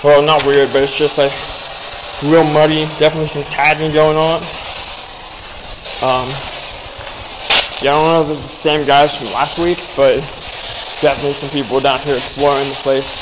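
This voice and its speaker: A man's voice: on the high side, little pitch movement, moderate pace, long pauses. A young man narrating a casual walking vlog outdoors, rambling with lots of fillers as he explores old buildings. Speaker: paranormal explorer vlogger. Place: outdoors in woods and abandoned buildings. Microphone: action camera held or worn close. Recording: loud background noise from a device. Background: constant static hiss from a spirit box.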